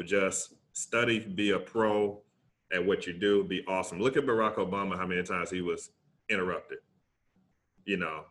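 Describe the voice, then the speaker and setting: A middle-aged man with a Southern US accent, talking casually and emphatically as a motivational interview guest, often checking his points with a quick tag question. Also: sits low, pushed and bright. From Alabama, United States. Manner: emphatic, conversational, often tags points with "right?". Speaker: interview guest, public speaker.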